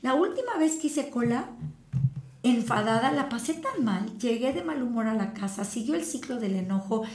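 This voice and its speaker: A woman co-hosting a casual wellness chat, speaking in a calm, reflective way with everyday examples. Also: fairly high pitch, normal speed. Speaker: podcast co-host. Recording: echoey room.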